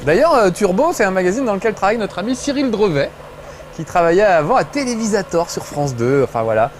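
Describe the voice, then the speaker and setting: A man's voice: sits high, animated, fast talker, slight background noise. A middle-aged man giving joking, chatty commentary while playing a video game, swearing casually. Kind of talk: gameplay commentary.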